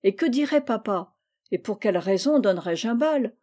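Woman voicing a doting indulgent mother, storybook reading, tender, coaxing, soft, mellow. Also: a little high, expressive, moderate pace.

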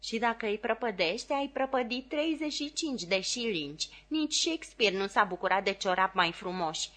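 A woman's voice: medium pitch, expressive, fairly bright tone. A woman voicing a fussy, bossy male theatre dresser who lectures the actor he serves.

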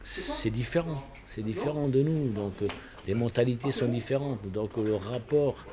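Over crowd noise in a bar, a mid-range male voice belongs to a Portuguese-born man in his sixties, Portuguese being his first language. He looks back on his life in an interview, thoughtful and hesitant, often halting and restarting his sentences.

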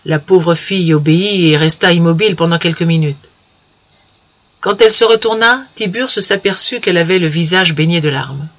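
A man narrating a classic literary story in a measured, expressive reading style. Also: a little high. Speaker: audiobook reader.

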